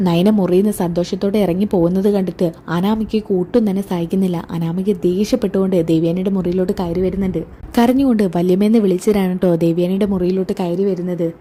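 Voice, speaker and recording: A woman's voice: lowish voice, fairly even intonation, quick pace, warm tone, a little hiss or hum. A woman narrating a serial recap in a chatty, colloquial way. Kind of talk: casual story recap.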